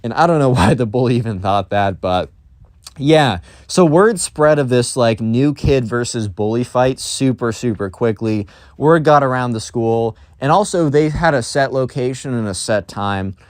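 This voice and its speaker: A man's voice: mid-range voice, animated, moderate pace, no room sound, clean studio sound. A man telling a story on his vlog in a casual, rambling way, full of fillers. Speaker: storytime YouTuber.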